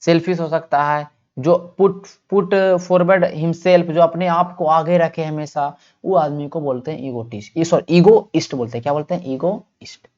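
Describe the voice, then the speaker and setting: A man's voice: on the high side, fairly even intonation, a little mellow, lo-fi sound. Man teaching vocabulary, drawing words out. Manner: asks questions and answers them himself, drawing words out slowly for repetition. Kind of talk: online vocabulary lesson.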